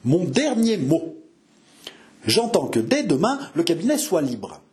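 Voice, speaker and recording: Field: audiobook. Figure: a flustered fat innkeeper, voiced by a man. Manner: high, stammering, indignant. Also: very animated, moderate pace, a little mellow. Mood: firm. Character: fat fussy middle-aged innkeeper, easily flustered.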